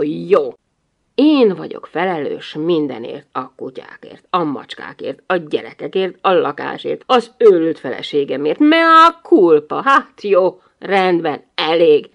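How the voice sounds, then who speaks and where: A woman reading an audiobook voices an irritable middle-aged husband who grumbles and shouts in a lowered voice. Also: expressive, vocal fry. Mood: exasperated.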